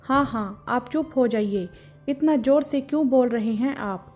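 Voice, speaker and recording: A woman voicing a meek, tearful middle-aged wife who speaks softly and plays down her hurt. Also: on the high side, unhurried, soft background music. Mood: pleading. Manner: soft, self-effacing.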